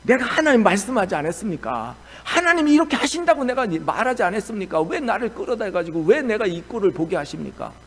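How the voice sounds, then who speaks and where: A pastor putting on a whiny, indignant prophet. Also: male voice, very high-pitched, animated, normal speed, gravelly, fairly bright tone, husky, in a large hall, pitched above the performer's own voice, full character voice. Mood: complaining. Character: petulant complaining male prophet arguing with God.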